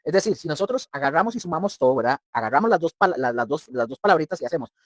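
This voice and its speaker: A man's voice: fairly high pitch, animated, racing, no echo. A male preacher teaching scripture in an emphatic, explaining way. He keeps turning to his listeners as brothers and acts out little scenes to make the point. The sound is dry and close, with no room around it. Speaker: preacher teaching a Bible study. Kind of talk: sermon-style Bible teaching.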